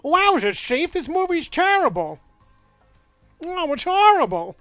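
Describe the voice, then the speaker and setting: A man voicing an eager, bumbling male cartoon detective, loud and exclaiming. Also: very high voice, very animated, unhurried, no echo, soft background music, voice pushed up, exaggerated voice. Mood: excited. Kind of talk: cartoon voice impression.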